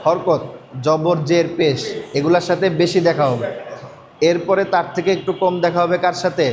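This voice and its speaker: A man's voice: on the high side, fairly even intonation, normal speed, crowd noise. A man teaching a Quran reading class, asking his students questions and repeating their answers. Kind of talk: classroom lesson.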